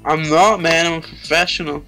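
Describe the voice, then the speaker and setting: A man's voice: on the high side, steady tone, moderate pace, sharp tone, soft background music, poor audio. A man chatting casually with friends while playing a game, making short joking remarks. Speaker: gaming friend.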